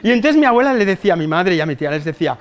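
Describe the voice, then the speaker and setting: High-voiced man telling funny stories. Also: sing-song, racing. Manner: chatty, anecdotal, swears casually, asks the audience for agreement. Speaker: psychologist giving a talk. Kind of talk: humorous conference talk to nurses. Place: hospital hall with a live audience.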